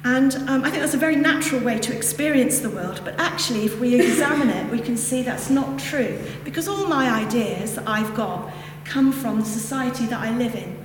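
Her voice sits on the high side and runs a little fast with few pauses as she gives a dharma talk to a group. The woman, who has a northern English accent, meanders through casual asides in her reflective Buddhist teaching. She's in a hall with a lectern, recorded on a distant mic amid echo and background noise.

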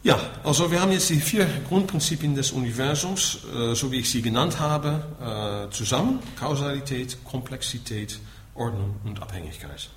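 A middle-aged Dutch-accented man from the Netherlands gives an explanatory Buddhist talk to listeners, often finishing points with a small questioning word. His mid-range voice is expressive and moderately paced, with few pauses. Background noise is faint and the room echoes.

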